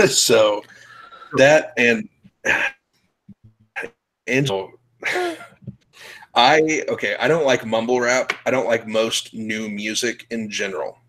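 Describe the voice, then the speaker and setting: A man's voice: medium pitch, slow, pauses often, fairly bright tone, poor audio. A young man hosting a show, chatting casually with blunt, profane, laughing talk. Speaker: podcast host. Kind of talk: casual chat.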